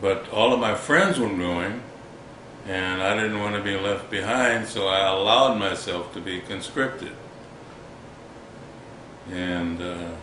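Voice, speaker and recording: An elderly man, a war veteran, recalling his service in an interview in a halting, reflective way with formal wording. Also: deep voice. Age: 80s or older. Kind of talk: old veteran remembering, unscripted interview recollection. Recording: echoey room with background noise.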